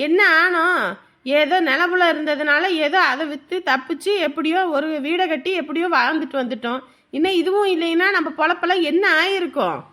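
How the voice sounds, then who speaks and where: A woman's voice: sits high, fairly bright tone. A woman playing a strict, thrifty mother who lectures her family in a family drama, speaking rural in a firm manner. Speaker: mother, wife. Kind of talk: village family drama acting.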